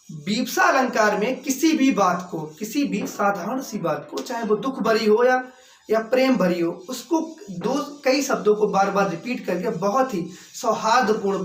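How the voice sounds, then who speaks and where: A man teaching a class lecture, reading examples out slowly and then repeating the key terms. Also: sits high, slight background noise. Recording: roomy echo, mic far from speaker.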